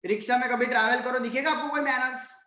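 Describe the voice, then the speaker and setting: A man's voice: very high-pitched, fairly even intonation, fast talker, pushed and bright, roomy sound, highs cut off. A male college lecturer with a Gujarati accent, teaching an online class and checking in with his students again and again. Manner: mixes Hindi, Gujarati and English, asks "right?" often.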